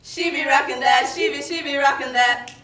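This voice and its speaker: On an indoor stage in front of a projection screen, a young adult woman performs spoken word poetry as a slam poet, declaiming with forceful emphasis. Her voice is high and bright, with fairly even intonation and a moderate pace. A far camera mic captures her from a distance, so the sound is roomy and carries background noise.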